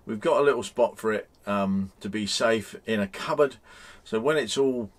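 A man's voice: on the low side, normal speed. A man in his fifties chatting casually to camera from inside a motorhome, rambling with frequent ums and restarts. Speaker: vlogger. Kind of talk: casual vlog chat.

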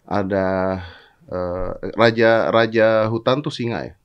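A man's voice: on the low side, slow pace, clear, resonant tone, highs cut off. A man, hosting a podcast, chatting bluntly and telling a story. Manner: animated, blunt, slangy. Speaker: podcast host. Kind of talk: casual chat and storytelling.

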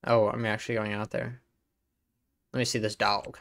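A man's voice: fairly low pitch, little pitch movement, normal speed, creaky, a bit bright. A man giving sarcastic, joking, profane commentary as he plays horror games. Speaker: gaming YouTuber. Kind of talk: gameplay commentary.

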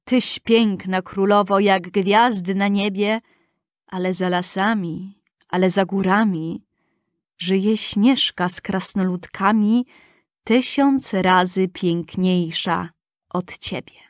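Woman voicing a slow, solemn magic mirror. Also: steady tone, no echo, studio quality, lightly acted. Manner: slow, low, solemn, sinking to a whisper.

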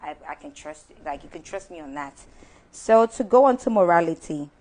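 A young Ghanaian woman hosts a studio talk show, lively and encouraging as she mixes Twi with English. Her voice is on the low side, her pace moderate, and she's recorded on a lapel mic.

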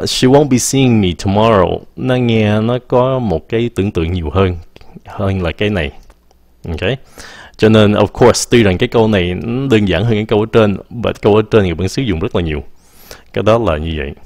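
A lowish-voiced man gives a casual English lesson, sprinkling "ok" between points and stretching out example sentences slowly. His voice sounds close and dry, with light keyboard typing behind him. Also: no room sound. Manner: mixes English phrases into explanations, repeats "ok" often; slows down to model English sentences. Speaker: English teacher.

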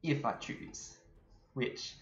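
A man's voice: very slow, fairly bright tone, roomy sound, whispered, highs cut off. A man playing a tabletop game, chatty and laughing, talking to stream viewers. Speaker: player. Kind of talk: casual tabletop play.

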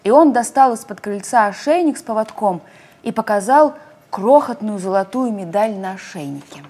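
Expressive woman reading a children's tale. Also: mid-range voice, normal speed, husky. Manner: expressive, storytelling. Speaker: narrator. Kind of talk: storybook reading.

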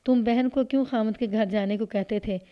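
A woman's voice: fairly high pitch, steady tone, natural voice. A woman voicing a stern male police officer who presses a suspect with accusing questions, in a read-aloud story. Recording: dull lo-fi recording.

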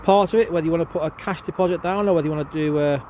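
Higher-voiced car salesman with a cold, noisy outdoors. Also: rapid-fire, warm tone. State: congested with a cold. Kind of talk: casual walkaround sales presentation. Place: outdoors at a car lot, walking around a car. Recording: outdoor handheld video with clear background noise.

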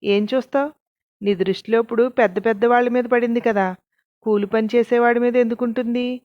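A woman's voice: on the high side, steady tone, fairly quick, highs cut off, lightly acted. A woman voicing a blunt, defiant male mason who fires back taunting retorts in a told story.

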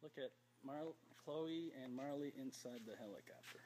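A man's voice: mid-range voice, moderate pace. A father casually narrating a family helicopter outing on home video, chatty and hesitant with fillers. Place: helicopter hangar, then inside a helicopter cabin. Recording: loud helicopter engine noise. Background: loud helicopter rotor and engine.

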